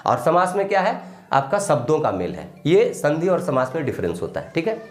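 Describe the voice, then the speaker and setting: A man's voice: a little high, huge pitch swings. A man teaching a grammar lesson, explaining step by step and checking in with the class after each point. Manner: explains slowly, repeats a confirming tag often. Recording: echoey room, faint music.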